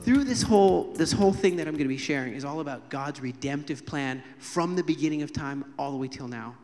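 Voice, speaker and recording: Animated male preacher in a reverberant church. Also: a little high, a little fast, faint music behind. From United States. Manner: animated, acts out quoted voices and jokes with the congregation. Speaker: guest preacher. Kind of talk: sermon with storytelling. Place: church sanctuary during a live service. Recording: long hall reverb in church.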